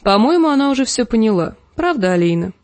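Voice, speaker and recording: A woman voicing a calm, scheming middle-aged lord who speaks slowly and soothingly. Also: fairly high pitch, no echo. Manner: slow, measured, soothing.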